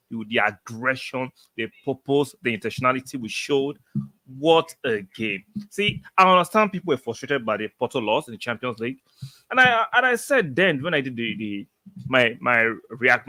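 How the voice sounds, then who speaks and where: A man's voice: medium pitch, bright, forceful tone, dry recording. A man hosting a live football reaction stream, talking emphatically, repeating his points and reading out viewer comments. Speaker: football fan livestream host. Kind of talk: excited match reaction livestream.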